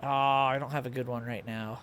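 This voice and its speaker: A man's voice: mid-range voice, level tone, a little fast, background noise. A young man chatting casually on a live stream, playful and fond of toying with his voice, with the hiccups. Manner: playful, plays with his voice and octaves.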